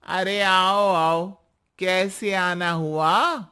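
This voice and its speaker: A woman's voice: on the low side, fairly even intonation, extremely slow, pushed and bright, clear, resonant tone, exaggerated voice. A woman doing a knowing older auntie. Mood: welcoming. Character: older neighborhood auntie, warm but secretive. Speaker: neighbor. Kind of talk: cartoon voice acting.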